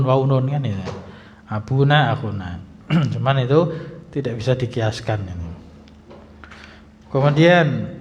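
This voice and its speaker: Male religious teacher, mid-pitched, slow reading then quick explaining and quizzing, lo-fi mosque recording. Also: a little hiss or hum. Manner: reads Arabic text slowly, then explains briskly and quizzes students. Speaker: Islamic teacher. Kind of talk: classroom grammar lesson. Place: mosque hall. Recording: dull lo-fi sound in a reverberant hall.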